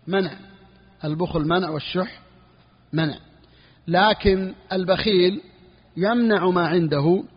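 A man teaching a religious jurisprudence lesson, explaining a text and repeating each point for his students. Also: high voice. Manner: repeats key phrases, asks students if clear. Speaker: sheikh teaching Hanbali jurisprudence. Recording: lo-fi, long reverb hall.

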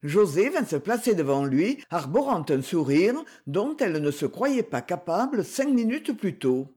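An audiobook narrator reading a novel aloud in an even storytelling manner. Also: medium pitch, measured pace, husky. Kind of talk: scripted narration.

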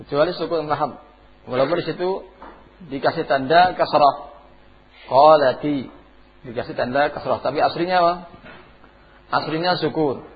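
Speaking at a moderate pace and pausing often, a man with a slightly high voice teaches tajwid. In this dull lo-fi classroom recording, he questions students on Quranic recitation rules and chants examples between the questions.

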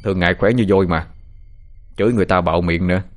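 A man's voice: sits low, fairly even intonation, very fast, soft background music, lightly acted. Man doing a bewildered older father. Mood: puzzled. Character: bewildered older father, blunt and plain-spoken.

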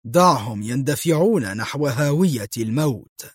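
رجل يؤدي دور شرير غاضب ماكر يصرخ بالأوامر. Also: male voice, medium pitch, expressive, moderate pace, husky, no room sound, studio quality. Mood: sly. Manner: barking orders, angry and sly. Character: furious cunning male villain in pursuit.

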